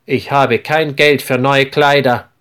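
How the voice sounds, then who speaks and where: A man voicing a stressed, irritable mother in a storybook reading, with a curt, gruff way of talking, slow paced. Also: mid-range voice, steady tone, a bit bright. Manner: curt and gruff, then ashamed.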